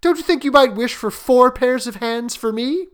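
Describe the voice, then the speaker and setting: A man's voice: very high voice, moderate pace, voice pushed up. A man voicing an inquisitive, persistent old mother in a storybook reading. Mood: amused. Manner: curious, pressing.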